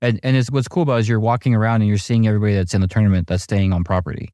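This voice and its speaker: Middle-aged guy rambling through golf stories, low mellow voice, lots of ums, dry close sound. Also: very fast, dry recording. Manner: relaxed storytelling with many fillers and restarts. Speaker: amateur golfer guest. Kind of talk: casual chat.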